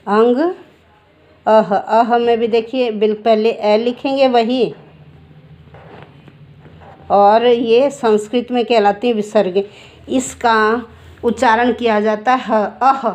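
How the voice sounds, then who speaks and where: A woman's voice: a little high, darkish tone. A woman teaching handwriting, walking through each stroke and repeating them patiently. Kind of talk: handwriting lesson.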